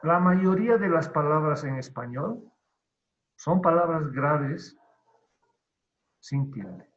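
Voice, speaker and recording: Slow, patient male teacher on dull audio. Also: a little high, lively intonation. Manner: patient, explains step by step, trails off at phrase ends. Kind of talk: online class explanation.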